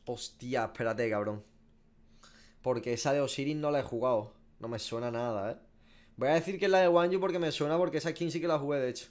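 A man in his twenties with a Spanish accent from Spain, speaking at medium pitch and a little fast. He's a gaming streamer reacting in slangy, sweary, informal commentary, thinking aloud from a small room at home.

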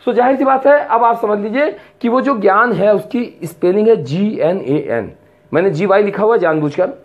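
Animated male teacher, lo-fi recording. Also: high voice. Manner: spells out sounds slowly and repeats them, mixing in English words. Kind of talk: classroom lesson. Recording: dull lo-fi recording.

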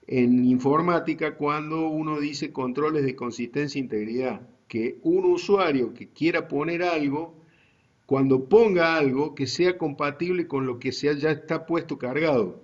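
Hombre argentino que da clase despacio, audio apagado. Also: male voice, on the high side, muffled recording. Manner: slow, deliberate explaining to students. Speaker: university GIS teacher. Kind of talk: online class lecture.

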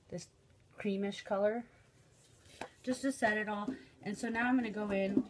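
A young woman with a Midwestern American accent talks through her makeup in a loose, chatty way, full of ums and likes. Her nose is stuffed up and she sniffles now and then. A faint hiss sits under her voice. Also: medium pitch. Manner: chatty, filler-heavy, says um and like often. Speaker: beauty vlogger. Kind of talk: casual makeup tutorial chat.

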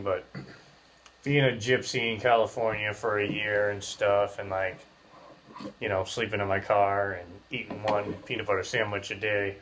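Podcast host, male, 30s, lowish voice, jaw wired shut so words come through clenched teeth, loose slangy rambling chat. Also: a bit bright, a little hiss or hum, low-quality recording. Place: small bare room, indoors.

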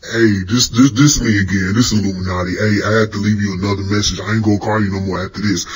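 Man acting a cocky secret-society boss, low husky voice, slangy, rambling voicemail, comedy skit. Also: steady tone, quick pace, poor audio. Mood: teasing, chummy. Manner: leaving a rambling voicemail, casual slangy talk.

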